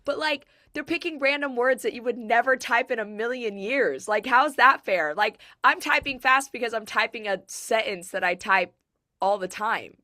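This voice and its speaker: Sick woman with a bright rough voice. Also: a little high, moderate pace. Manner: laughs often, excitable. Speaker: returning podcast guest. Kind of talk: casual chat.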